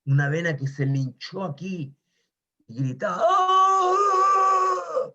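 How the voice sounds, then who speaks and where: Earnest Chilean man, slightly high voice. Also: moderate pace. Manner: earnest, emphatic, repeats words for stress. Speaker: guest sharing personal testimony. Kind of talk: casual chat. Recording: dull lo-fi recording.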